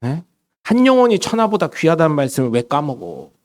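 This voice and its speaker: A male pastor preaching a sermon, telling stories with acted quotes and swinging between loud lines and hushed ones. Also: fairly high pitch, sing-song, a little fast.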